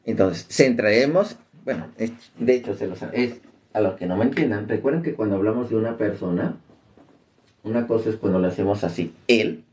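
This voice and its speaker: A man gives an unscripted teaching talk in a fairly low voice. He wanders between points, pausing on fillers and restarting his sentences. He keeps turning to the listeners to ask them to notice things. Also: darkish tone. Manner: digressive, thinks aloud with fillers and restarts; addresses listeners directly. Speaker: Bible teacher.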